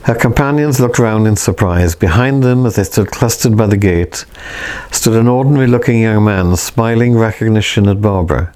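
A man reading a novel aloud in a quiet, measured, reflective way. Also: on the low side, clean tone.

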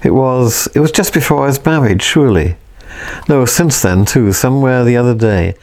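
A man reading the lines of a flustered, excitable young woman, quick and eager. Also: mid-range voice, pitched above the performer's own voice, close to an everyday voice.

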